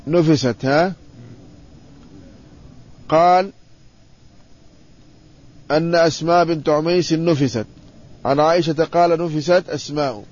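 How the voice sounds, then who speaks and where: A man teaching an Islamic hadith lesson, reading a classical text aloud, explaining it and putting quick questions to his students. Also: fairly high pitch, fairly even intonation, a little mellow, highs cut off. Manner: reads quoted text then explains, quizzes students.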